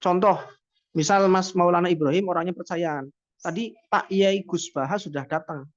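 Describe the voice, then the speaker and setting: Speaking at a moderate pace in a voice that sits high, a man lectures at a university, chatting conversationally and answering his own rhetorical questions. The recording is dry, with a dull lo-fi quality.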